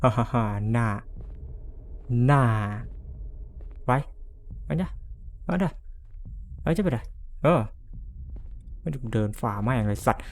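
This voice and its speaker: A man's voice: mid-range voice, animated, slow, vocal fry, pauses often. A man playing a horror game and commenting as he goes, jumpy, cursing and laughing nervously. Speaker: gamer.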